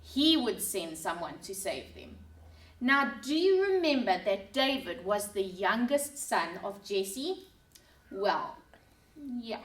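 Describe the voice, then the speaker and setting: Slow, expressive woman storyteller. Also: medium pitch. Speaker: storyteller for children. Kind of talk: children's Bible story reading. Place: church room. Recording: roomy sound from a distant mic.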